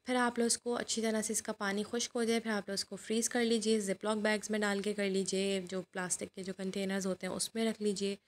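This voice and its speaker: A woman's voice: medium pitch, little pitch movement, a little fast, few pauses. A middle-aged woman from Pakistan, narrating her vlog in a chatty, instructive way. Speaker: vlogger. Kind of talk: voice-over narration.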